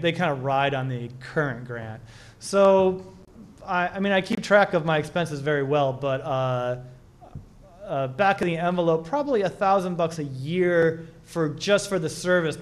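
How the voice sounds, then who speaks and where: Man speaker at a small conference, slightly high voice, loose rambling delivery full of restarts. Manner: rambling, many restarts and fillers. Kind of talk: casual conference talk and Q&A.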